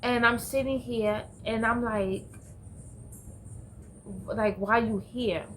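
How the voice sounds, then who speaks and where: Slow-talking woman with halting speech. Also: fairly high pitch, fairly even intonation, a little hiss or hum, low-quality recording. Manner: halting, searching for words, many restarts. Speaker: vlogger. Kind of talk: personal storytelling vlog.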